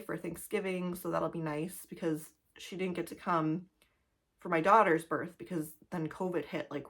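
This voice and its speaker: A woman's voice: lowish voice, fairly bright tone. A pregnant woman in her thirties chatting casually to camera as a cross-stitch vlogger, laughing often and a little out of breath, full of likes and ums. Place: home, two-bedroom apartment.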